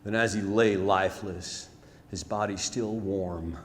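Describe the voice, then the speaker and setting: Captured in a noisy, reverberant live theatre recording, a man performs a rhymed ballad on stage as a storyteller. His voice sits low with a steady tone and an unhurried pace, and his delivery is dramatic, folksy and emphatic.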